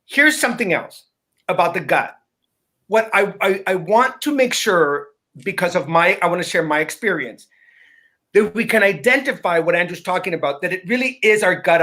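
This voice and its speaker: High, bright-voiced earnest man. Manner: earnest, emphatic, repeats words when starting sentences. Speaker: guest. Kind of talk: conversational podcast talk.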